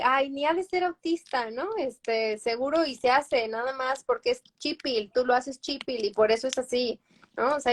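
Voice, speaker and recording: A young adult woman, a psychologist guest on a live stream, explaining through personal examples and tag questions. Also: fairly high pitch. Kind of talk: live-stream advice talk.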